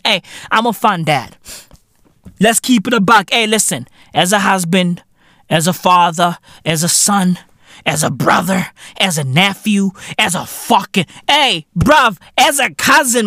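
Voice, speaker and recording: A man from Africa, hosting a podcast in a loud, rambling, profane comedic monologue full of slang and laughter. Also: high-pitched, no room sound, clean studio sound. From South Africa. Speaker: podcast host.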